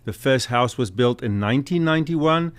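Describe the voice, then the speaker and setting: A middle-aged South African man with a light accent tells stories as a guest on a talk show, and he's the executive director of a nonprofit. His medium-pitched voice is expressive and clean, moving at a moderate pace. It's a casual interview chat, and he comes across as earnest, using plenty of fillers.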